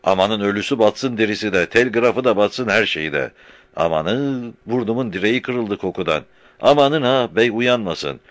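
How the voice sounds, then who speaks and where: A man voicing an anxious, fawning middle-aged village agha who talks loudly and fretfully. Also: fairly low pitch, animated, brisk, no echo, pitched above the performer's own voice. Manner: loud, fretful and wheedling. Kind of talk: audiobook character voice.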